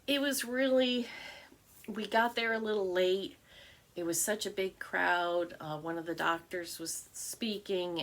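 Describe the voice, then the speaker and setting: A woman's voice: on the low side, a bit bright. A middle-aged woman chatting casually about her stitching, rambling with fillers and restarts. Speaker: cross stitch vlogger. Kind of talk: casual chat.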